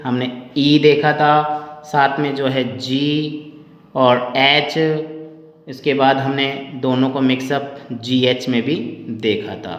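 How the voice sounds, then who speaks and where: A man teaching English pronunciation in a lesson, often repeating questions back to his students. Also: mid-range voice. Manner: repeats questions back to the class, addresses viewers as friends. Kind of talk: classroom lesson explaining pronunciation. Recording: echoey hall, dull lo-fi sound.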